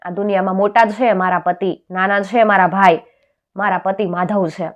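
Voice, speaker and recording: A woman's voice: mid-range voice, steady tone, normal speed, lo-fi sound, lightly acted. Storybook role: a defiant young dancer, played by a woman narrator, firm and bold.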